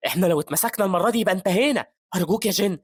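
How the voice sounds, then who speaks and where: A man with an Egyptian Arabic accent voicing a greedy long-haired male swindler who pleads loudly and frantically. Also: a little high, big pitch swings, rapid-fire, no room sound, clean studio sound, voice pushed up, heavily acted. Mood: desperate.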